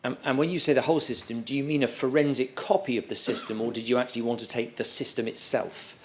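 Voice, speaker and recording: A man serving as counsel at a public inquiry, questioning a witness in a measured, polite, deliberate way. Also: medium pitch, fairly even intonation, slight background noise. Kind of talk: formal questioning.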